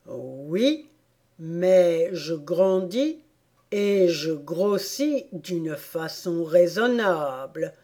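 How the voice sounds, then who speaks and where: A woman voicing a sulky male dormouse in a storybook, speaking slowly and disapprovingly. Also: on the low side, animated, warm tone, full character voice. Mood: grumbling. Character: grumpy sleepy male dormouse.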